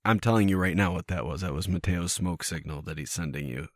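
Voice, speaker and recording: Man, very low voice, dry sound, teasing, stammers through restarts, podcast co-host. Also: steady tone, fairly quick, no room sound. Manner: teasing, repeats words as he restarts. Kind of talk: casual chat.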